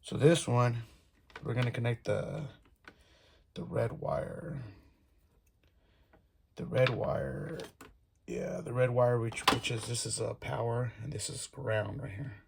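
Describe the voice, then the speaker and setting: Slow and pausing often, a man with a mid-range voice narrates his hands-on DIY project step by step in an informal tutorial. The recording is clear, though there are clicks and background noise.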